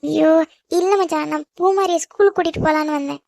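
A woman voicing a feisty, very fast-talking schoolgirl. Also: high-pitched, steady tone, creaky, no echo, clean studio sound. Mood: polite. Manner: protesting, sharp-tongued. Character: feisty quick-tongued schoolgirl. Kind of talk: cartoon voice acting.

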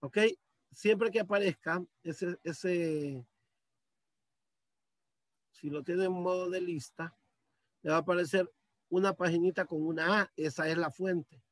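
Guy teaching a zoom computer class, pretty high voice, dry close sound, explains every click slowly. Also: steady tone, dry recording. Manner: patient step-by-step explaining, addressing students. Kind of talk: screen-share computer lesson. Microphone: computer mic on a video call.

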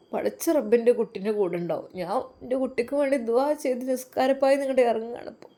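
A woman voicing a gentle, pious elderly widowed mother who speaks softly and tenderly. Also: a little high, pitched above the performer's own voice, natural voice. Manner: soft, tender, comforting.

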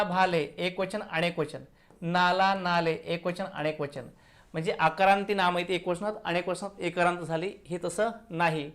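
A man teaching an exam answer walkthrough, briskly asking questions and answering them himself. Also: sits high.

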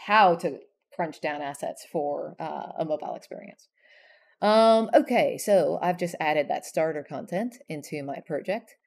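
This is a woman teaching software at her computer, her voice sitting a little low. She explains as she clicks, casual and conversational, with plenty of fillers and quick self-corrections. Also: creaky. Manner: chatty, relaxed, many ums and self-corrections. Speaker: software tutorial presenter. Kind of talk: casual screen-share tutorial.

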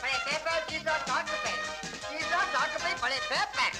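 An actress playing a scrap hawker who chants a singsong street call for old paper and bottles. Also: female voice, high-pitched, a little slow, sharp tone, soft background music, heavily acted.

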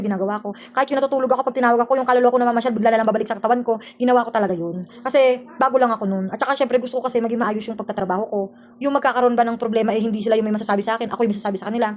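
Rapid-talking Filipina vlogger, aggrieved. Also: female voice, a little high. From Philippines. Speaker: overseas domestic worker. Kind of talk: casual storytelling vlog. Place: employer's house indoors.

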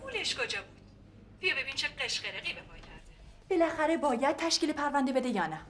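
An actress playing a cold, bureaucratic hospital receptionist who answers curtly and dismissively. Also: female voice, sits high, very animated, a bit bright, slight background noise. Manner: curt, dismissive.

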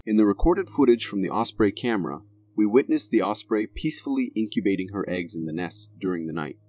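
A man's voice: on the low side, expressive, a little fast, darkish tone, faint music behind. A man reading scripted narration for a video compilation in a dramatic, formal manner.

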